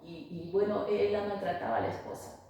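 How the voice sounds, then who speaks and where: A woman's voice: mid-range voice, steady tone, brisk, mellow, dull audio. A woman family therapist speaking, hesitant with many fillers and restarts. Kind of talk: interview, explaining to an interviewer. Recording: echoey room, voice far from mic, faint noise.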